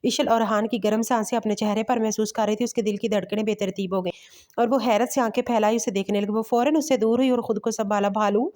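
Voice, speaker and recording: A woman storyteller narrating a romantic novel in steady bedtime-story reading. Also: on the high side, fast.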